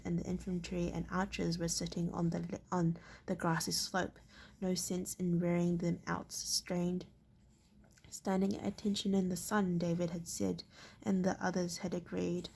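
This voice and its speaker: Brief: a woman reading a book aloud, stumbling and self-correcting, gravelly monotone. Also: fairly low pitch, a little hiss or hum. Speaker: reader.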